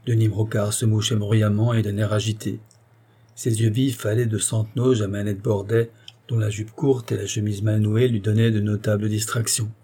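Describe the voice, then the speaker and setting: A man reading a classic story aloud as an audiobook narrator, in a measured storytelling manner. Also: lowish voice, flat delivery, mellow, slightly rough. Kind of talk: scripted narration.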